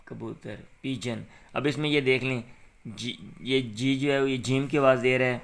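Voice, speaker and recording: A man's voice: mid-range voice, steady tone, creaky. A man tutoring a young pupil through an English exercise, patiently saying short phrases for the pupil to repeat and then explaining them.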